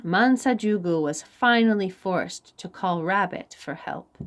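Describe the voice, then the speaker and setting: Reading a children's story aloud, a woman with a mid-range voice delivers it expressively, deliberately and dramatically, pausing for her young listeners.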